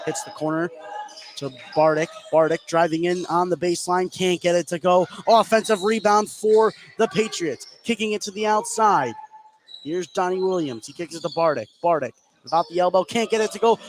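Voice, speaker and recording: A play-by-play announcer with a high-sitting voice at normal speed calls a basketball game live on radio. He describes the action in clipped, present-tense running phrases, with clear background noise from the broadcast.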